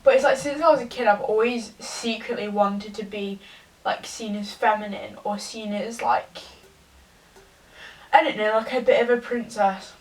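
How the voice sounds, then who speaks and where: A young woman, tipsy, giving a rambling, halting confessional rant to a camera some distance away. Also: medium pitch. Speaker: vlogger. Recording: distant from the mic.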